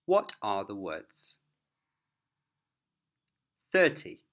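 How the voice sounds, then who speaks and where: A man teaching a beginner English lesson, speaking each word clearly and deliberately. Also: fairly low pitch, big pitch swings, a bit bright. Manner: clear, careful word-by-word delivery.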